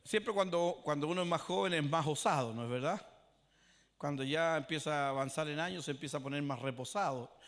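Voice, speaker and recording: A man preaching a sermon as pastor, retelling stories with dramatic acted quotes and sometimes shouting. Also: a little high, brisk. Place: church. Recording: long hall reverb.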